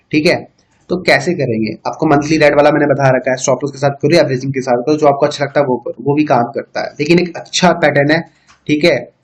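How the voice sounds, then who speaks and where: A man giving a casual trading tutorial, talking straight to viewers and filling pauses with "okay". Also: a little high. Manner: conversational, repeats "theek hai" often, addresses viewers directly. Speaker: stock market educator.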